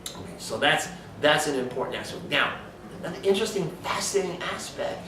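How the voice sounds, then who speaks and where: A man's voice: a little high, expressive, brisk, noisy background. A man giving an emphatic health talk, lecturing and asking rhetorical questions. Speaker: speaker on supplementation. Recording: echoey room from far off.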